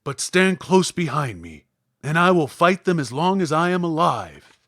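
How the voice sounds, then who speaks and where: A man's voice: fairly high pitch, very animated, moderate pace, fairly bright tone, no echo, clean studio sound. A man voicing a big, anxious yet brave cowardly lion, fearful and earnest, in a storybook reading. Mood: grim, brave. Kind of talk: storybook character voice.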